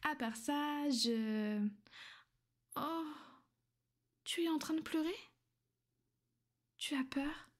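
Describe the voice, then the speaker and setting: Speaking very slowly and pausing often, a woman gives a high, soft voice to a soothing vampire noblewoman in an intimate ASMR roleplay. The character speaks gently, frequently in a hushed whisper, caring outwardly but possessive underneath. Her mood is calm and matter-of-fact.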